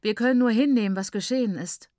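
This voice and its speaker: A woman's voice: fairly high pitch, fast, dark tone, dry recording, pitched above the performer's own voice, natural voice. A woman reading an audiobook, voicing a grieving father who speaks in a strained, lamenting voice, recorded dry and close. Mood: sorrowful. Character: grieving father, distraught middle-aged man.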